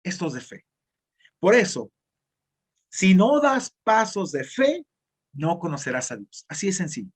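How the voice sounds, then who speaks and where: A man's voice: sits high, big pitch swings, measured pace, long pauses, slightly rough. A man preaching a sermon as pastor in northern Mexican Spanish, talking directly and conversationally to the congregation.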